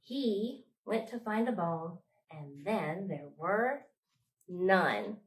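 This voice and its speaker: A woman runs a storytime for small children in the style of a librarian, reading with expression and dramatic pauses. She has a lowish, sing-song voice, and the recording is rough.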